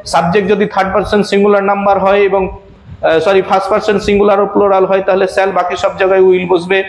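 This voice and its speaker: High-voiced man teaching slowly in an echoey room. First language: Bengali. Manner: says English sentences slowly and then translates them. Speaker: English teacher. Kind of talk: slow spoken English lesson in Bengali.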